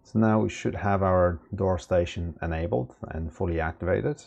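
A tech tutorial presenter with a low, gravelly voice walks through a setup in a casual screen-recorded tutorial. He goes step by step at a moderate pace, relaxed and full of fillers. The recording, made in a small indoor room, has its highs cut off.

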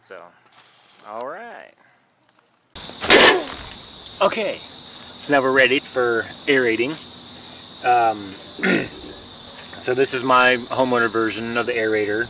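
A young man in his twenties giving a rambling, folksy how-to talk about lawn care while crouching in his backyard, restarting his sentences often. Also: medium pitch. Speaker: home lawn care vlogger. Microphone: camera mic on a tripod some distance away. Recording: distant camera mic outdoors with faint insect noise.

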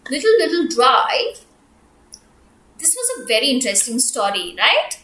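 A young woman presenting like a kids show host, coaxing small children in an animated, repetitive, sing-song way. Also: high-pitched, unhurried. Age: young adult. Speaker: preschool storytelling teacher, kids show host. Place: small room indoors. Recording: echoey room.

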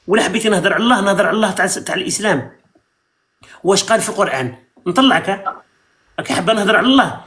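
A man's voice: high voice, a bit bright. A man with an Algerian accent hosting a live stream, arguing and lecturing callers in a heated debate. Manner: argumentative, lecturing.

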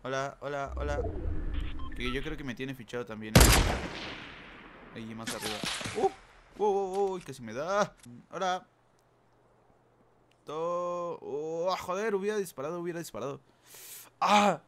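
A man giving live gameplay commentary, talking to his viewers and repeating words rapidly when excited. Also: a little high, noisy background. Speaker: gamer.

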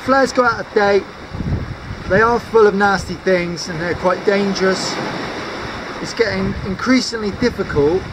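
A sea kayaking instructor from the UK, a man in his thirties with a high voice, gives an upbeat, practical demonstration of safety gear to a camera. He stands outdoors on coastal rocks, with heavy background noise.

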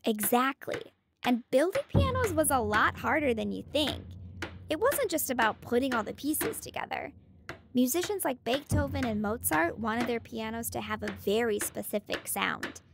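A woman voicing a bright young girl explorer in a children's audio drama, explaining history facts in a clear storytelling way. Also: on the high side, noisy background.

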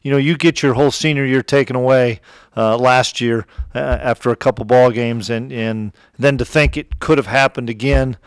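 A middle-aged man with an Upper Midwest American accent, a head football coach answering press questions after a game in a relaxed, plainspoken way, with many fillers and restarts. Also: medium pitch, moderate pace, clear, resonant tone, dry recording, studio quality. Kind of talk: postgame press conference answers. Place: press room in front of a sponsor backdrop. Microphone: table mic close in front.

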